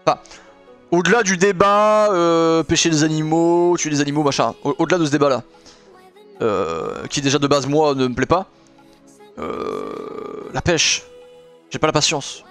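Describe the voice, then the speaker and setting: A young man streams live, reacting and chatting with viewers in a rambling way full of fillers, excitably shouting and laughing with joy. His voice is fairly high at a moderate pace, with faint music in the background.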